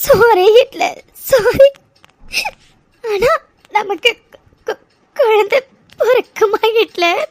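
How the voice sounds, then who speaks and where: A sweet, remorseful young wife from a cartoon drama, voiced by a woman, talks in a very high, squeaky voice. She sounds apologetic and pleading, recorded close and dry with no room sound. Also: a little slow, no room sound. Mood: weepy apologetic. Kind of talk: tearful cartoon drama voice acting.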